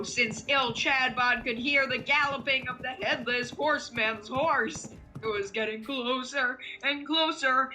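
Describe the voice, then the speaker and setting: Excitable high-voiced woman gamer. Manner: excitable, quick reactions. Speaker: gamer co-player. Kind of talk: casual gaming chat and reading story aloud.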